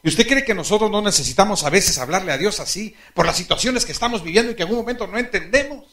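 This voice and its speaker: This pastor's voice sits high and he talks fast. During the sermon he tells animated stories, laughs at his own anecdotes, and asks the congregation questions directly.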